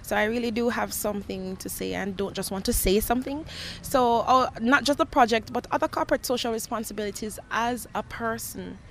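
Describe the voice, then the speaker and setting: This young adult gospel singer, speaking with a Jamaican accent, offers heartfelt, thoughtful interview answers about her personal testimony in a fairly high, fairly quick voice. Ambient noise from the location is audible.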